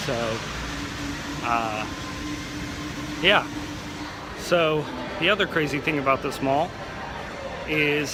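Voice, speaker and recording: Casual male vlogger over loud background noise. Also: on the high side. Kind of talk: casual walk-around vlog commentary. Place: inside a large shopping mall. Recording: loud air-conditioning and ambient noise.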